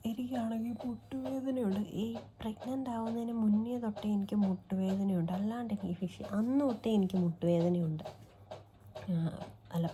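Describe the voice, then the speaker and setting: A woman's voice: medium pitch, dark tone. A young woman and mother chatting casually to viewers in a daily-life vlog, recorded on a phone at home. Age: young adult. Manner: chatty, talks straight to viewers. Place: family home and garden.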